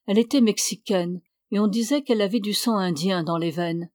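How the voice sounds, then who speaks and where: A woman narrating a novel as an audiobook in a steady, measured reading. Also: medium pitch, no room sound.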